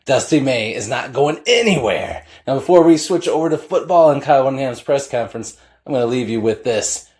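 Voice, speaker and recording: A man's voice: medium pitch, animated, a little fast, hardly any pauses, a little mellow, breathy edge. A middle-aged man hosting a sports podcast, an eager fan talking in a loose, casual way with plenty of filler uhs.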